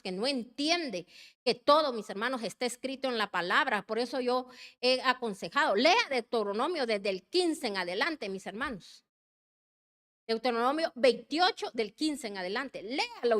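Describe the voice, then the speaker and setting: A woman preaching a sermon with passion, calling her listeners her brothers again and again and swinging between loud urging and quiet, heartfelt pleading. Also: a little high.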